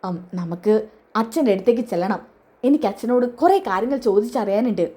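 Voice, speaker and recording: A woman's voice: mid-range voice, expressive, a little fast, warm tone, natural voice. A woman voicing a secretive, insistent young adult son in a retold serial story.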